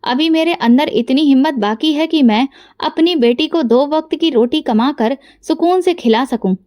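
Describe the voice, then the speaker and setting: Lady voicing a widowed mom standing up for her kid, firm, reproachful, high voice. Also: moderate pace, darkish tone, lightly acted. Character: patient widowed mother, dignified and defiant.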